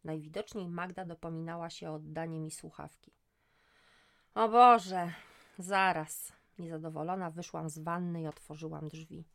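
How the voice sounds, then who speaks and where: A woman's voice: fairly quick, creaky, few pauses. A middle-aged woman reading a first-person story aloud, lifting her voice for the dialogue. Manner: voices dialogue with lively rises in pitch. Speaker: audiobook narrator. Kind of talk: first-person audiobook narration.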